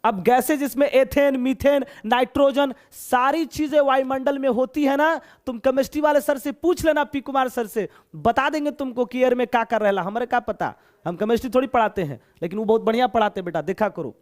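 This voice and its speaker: A Bihari man teaches English in a live online class, his voice pitched very high. He speaks Hindi with a Bihari accent, chatty and playful, joking as he coaxes his students to answer. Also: fairly quick, few pauses. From Bihar, India.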